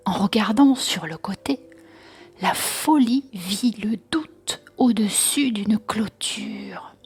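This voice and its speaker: A woman telling a story in an intimate ASMR whisper, right in the listener's ear, slowly and with long pauses. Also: medium pitch, a bit bright, husky. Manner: slow, unhurried delivery with long pauses. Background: music.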